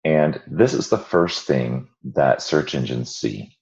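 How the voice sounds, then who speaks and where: A man hosting an informal online tutorial, explaining in a halting way with a hoarse, croaky frog voice from a cold. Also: very deep voice, animated, a little mellow, lo-fi sound. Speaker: webinar host and instructor. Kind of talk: informal screen-share tutorial.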